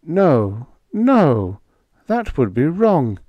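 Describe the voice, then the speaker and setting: A man's voice: fairly high pitch, big pitch swings, drawn-out words, no echo, lo-fi sound, pitched above the performer's own voice, exaggerated voice. A man playing a meek, trembling robot. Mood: timid. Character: timid, obedient male robot.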